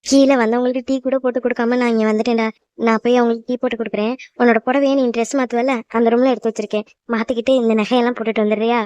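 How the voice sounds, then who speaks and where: High fast lady doing a weepy fussy cartoon mom, dry close sound. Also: fairly even intonation, a little mellow, smooth, no echo, dull audio, natural voice. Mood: fussing. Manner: fussing, emotional, pleading. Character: worried loving mother of a bride, tearful. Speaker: mother. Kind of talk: cartoon voice acting.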